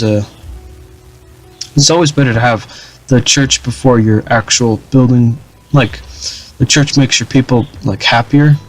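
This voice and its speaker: Casual gameplay commentary from a young gaming channel host: he rambles unhurriedly over his strategy campaign, restarting often and filling gaps with um and uh. His voice is middle-pitched, flat, and rather dull.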